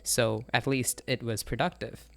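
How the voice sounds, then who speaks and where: A man's voice: mid-range voice, fairly even intonation, unhurried, creaky, dry recording. A man co-hosting a podcast in casual chat, hesitant and self-conscious, often stammering into restarts. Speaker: podcast co-host.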